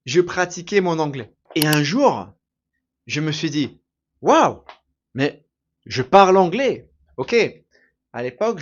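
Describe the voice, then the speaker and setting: A man teaching through a slow, emphatic story for learners, repeating his phrases deliberately. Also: a little high, dull audio. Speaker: French teacher.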